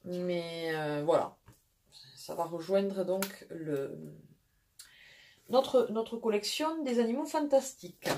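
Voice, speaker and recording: A woman with a southwestern French accent, a mother chatting through a casual haul vlog in a rambling way, pausing often. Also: lowish voice, expressive, warm tone, a little hiss or hum. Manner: chatty and rambling, with frequent pauses and restarts. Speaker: vlogger and mother.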